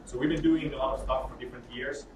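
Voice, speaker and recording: A man's voice: mid-range voice, steady tone, quick pace, crowd noise. A man, giving an informal, joking workshop talk full of fillers. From Sweden. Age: 30s. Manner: candid and joking, with frequent fillers. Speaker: workshop speaker. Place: workshop room. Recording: roomy, distant mic, audible noise.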